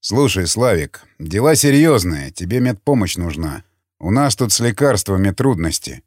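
A man voicing a calm, commanding seasoned scavenger who speaks tersely and bluntly. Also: lowish voice, moderate pace, breathy edge, no room sound, voice pushed down. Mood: stern. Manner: terse, blunt, matter-of-fact.

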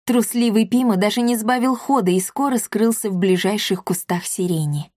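Brief: woman audiobook narrator, expressive storybook reading, mid pitch, dry close-miked sound. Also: moderate pace, no room sound.

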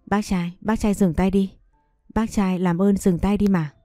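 Woman voicing a gentle young woman begging. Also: medium pitch, fairly even intonation, measured pace, no room sound, studio quality, faint music behind, lightly acted. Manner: begging, tearful.

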